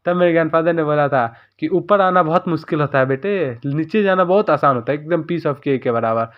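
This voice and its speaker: A man voicing a cheerful male martial arts trainer who teases his students, in a quick storytelling recap. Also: on the high side, lo-fi sound, natural voice.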